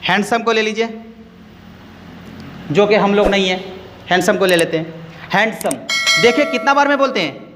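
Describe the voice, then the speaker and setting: A man's voice: sits high, normal speed, long pauses, fairly bright tone, long reverb tail, slight background noise. A man teaching an English grammar lesson, explaining patiently, repeating key words and putting questions to his students.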